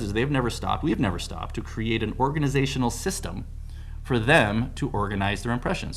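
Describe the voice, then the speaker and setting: A man's voice: medium pitch, fairly bright tone. A man giving an informal explanatory talk as a coach, stressing and stretching key words and often checking in with the listener. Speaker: host and coach teaching a mindfulness method.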